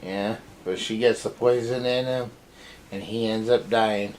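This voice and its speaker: A woman with a strikingly low voice recaps a film plot in easy, casual chat. She keeps asking her co-host what happens next. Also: fairly even intonation, unhurried, a little mellow, slight background noise. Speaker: co-reviewer. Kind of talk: casual movie review chat.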